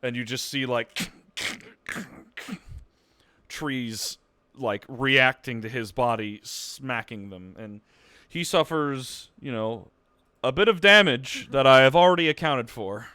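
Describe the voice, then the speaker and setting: A man narrates a tabletop session as game master, joking and cursing with his players. His voice is bright and crisp. The recording is dry and close. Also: medium pitch, measured pace, no room sound. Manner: loose, profane, laughing banter with many fillers.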